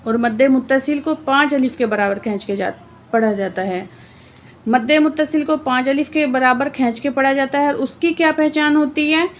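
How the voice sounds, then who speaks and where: A woman teaching Quran recitation word by word, explaining the rules plainly and reciting verses slowly with drawn-out sounds. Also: sits high, a little hiss or hum. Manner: often adds "theek hai" to check understanding. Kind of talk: slow word-by-word recitation lesson.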